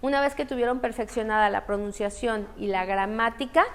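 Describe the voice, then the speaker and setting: A woman's voice: a little high, a little fast. A woman giving a parenting talk to an audience. She asks questions and then answers them herself. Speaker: parenting speaker.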